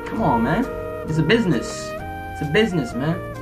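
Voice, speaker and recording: A man's voice: fairly high pitch, sing-song, moderate pace, over music. A young man speaking in a casual, slangy, informal way, as in a prank-call vlog recorded indoors. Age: young adult. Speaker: prank caller and vlogger. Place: indoor room at home.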